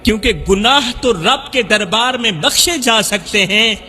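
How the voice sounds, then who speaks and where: A man's voice: very high voice, bright, forceful tone, long reverb tail, faint music behind. A male Islamic preacher, giving an emotional sermon full of repeated lines that build to cries. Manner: impassioned, repetitive, rising to cries.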